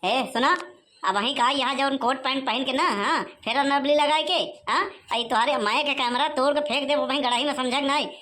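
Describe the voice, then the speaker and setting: A woman voicing a hot-tempered rustic male farmer who scolds in rough village talk with an Awadhi accent. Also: high voice, fairly quick, a bit bright. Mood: furious.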